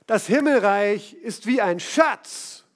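A man's voice: sits high, lively intonation, slow pace. A male preacher giving a casual, enthusiastic sermon full of storytelling, talking straight to his listeners.

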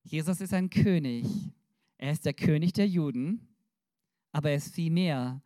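A man's voice: a little high, normal speed, dark tone, no echo, studio quality. A man preaching a sermon in a conversational way, often putting questions to the congregation and searching for words mid-sentence. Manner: addresses the congregation with rhetorical questions.

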